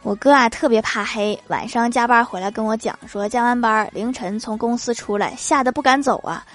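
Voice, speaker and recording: A woman hosting a comedy show, reading jokes aloud with lively delivery and laughter between them. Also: fairly high pitch, fairly quick, faint music behind. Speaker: host of a comedy joke show.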